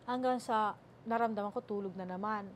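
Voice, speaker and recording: A middle-aged Filipino woman with a Filipino accent, telling her story as an interview guest, animated and acting out the voices she quotes. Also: medium pitch, brisk, slight background noise. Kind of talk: emotional sit-down interview.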